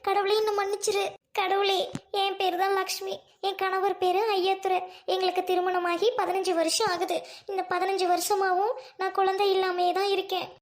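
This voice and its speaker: A woman's voice: very high-pitched, completely flat delivery, normal speed. A woman voicing a pleading childless wife. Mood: praying. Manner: earnest, pleading. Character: grieving childless village wife, devout.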